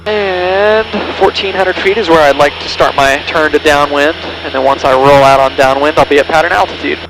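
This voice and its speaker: Creaky-voiced male pilot on cockpit radio. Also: on the high side. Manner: instructional, step-by-step cockpit commentary. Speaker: pilot demonstrating pattern work. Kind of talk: pilot over the radio, talking through each step of flying. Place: small plane cockpit in flight. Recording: noisy aircraft cockpit headset radio audio. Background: engine drone and radio noise.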